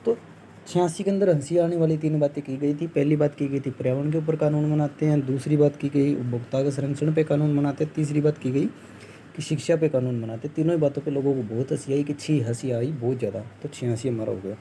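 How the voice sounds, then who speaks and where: Fairly quick and dark-toned, his slightly high voice keeps a fairly even intonation as the young man leads a Hindi exam-prep lesson. He explains step by step, quizzes students and answers his own questions, uses "theek hai" often, and plays scoffing crowd voices as jokes. The low-quality recording has a faint hiss or hum.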